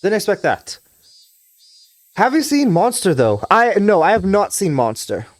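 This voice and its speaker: A young streamer from Trinidad and Tobago chats casually with his live-stream viewers and reads a visual novel aloud, rambling with frequent restarts and hedging fillers. His slightly high voice swings widely in pitch, very animated at a measured pace. The sound is dry, close-miked, and echo-free.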